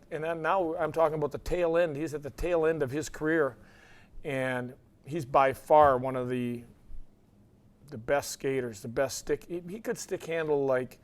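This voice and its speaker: A man with a somewhat high voice praising a former teammate. He talks haltingly, with restarts, and sounds admiring. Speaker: former hockey player. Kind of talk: reminiscing interview.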